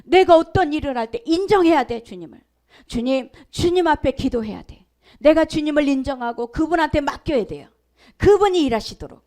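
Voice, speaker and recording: Woman pastor, high voice, emphatic sermon, sudden whispers, church. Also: expressive, a little fast, a little mellow. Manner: repetitive, conversational storytelling. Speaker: senior pastor. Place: church sanctuary.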